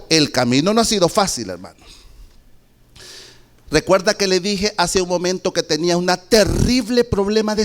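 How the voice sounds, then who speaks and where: In a church, a middle-aged man with a Salvadoran Spanish accent preaches a testimony sermon in a high voice. He speaks slowly and emphatically, breaking into sudden shouted peaks.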